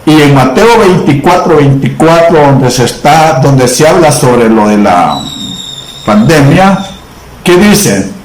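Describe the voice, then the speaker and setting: Slow, fervent preacher in an echoey room. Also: male voice, fairly high pitch, animated, a little hiss or hum. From El Salvador. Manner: slow, emphatic preaching with long pauses. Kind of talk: sermon. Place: church.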